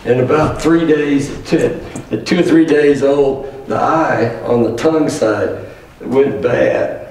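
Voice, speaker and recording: Gravelly cowboy poet, a man in an echoey room. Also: medium pitch. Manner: plain-spoken rhymed storytelling. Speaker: rancher poet telling stories on stage. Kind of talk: cowboy poetry recital. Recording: roomy echo, distant mic, faint noise.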